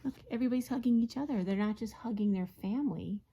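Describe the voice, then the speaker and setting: A teacher reading a picture book aloud to young children, pausing to ask them questions and often dropping into a soft whisper. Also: female voice, a little high, husky. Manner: gentle, asks listeners questions, drops to whispers. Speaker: teacher reading to her class.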